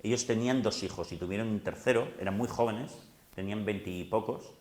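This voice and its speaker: A middle-aged man with a Spain Spanish accent gives a lively, conversational psychology talk, acting out little dialogues as he speaks. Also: on the low side. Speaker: psychologist giving a lecture. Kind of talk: lively public talk to an audience. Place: lecture hall. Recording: echoey lecture hall.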